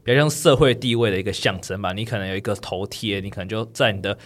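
Male podcast co-host, Taiwanese Mandarin accent, rapid and lower-pitched, loose and chatty delivery. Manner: fast, filler-heavy explaining. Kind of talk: casual explanatory chat.

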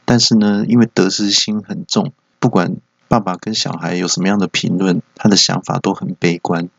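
A man's voice: low-pitched, flat delivery, moderate pace, creaky, no room sound. A man hosting a solo comedy podcast, telling playful stories. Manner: playful storytelling. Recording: dull, dry lo-fi home recording.

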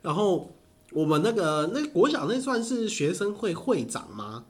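Lively, expressive man telling stories. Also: sits high, moderate pace. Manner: animated storytelling, laughs often. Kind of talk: casual chat.

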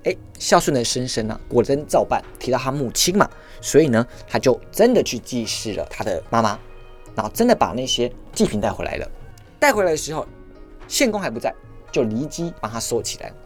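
A woman's voice: very deep voice, fairly quick, faint music behind. A woman podcast host, telling a history story in a chatty, exclamatory way. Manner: animated, exclamatory, chatty asides.

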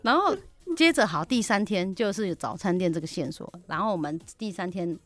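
A real estate agent, guesting on a radio talk show, tells an anecdote in casual conversation and acts out the people she quotes with animated flair. Her voice sits on the low side and moves fairly quickly. The studio sound has no echo, with faint music in the background.

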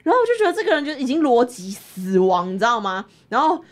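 A woman's voice: on the high side, fast talker. A woman with a Taiwanese Mandarin accent, co-hosting a podcast and telling a story in casual chat, acting out the quarrel in voices. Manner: animated, acts out quarrels in voices. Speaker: podcast co-host.

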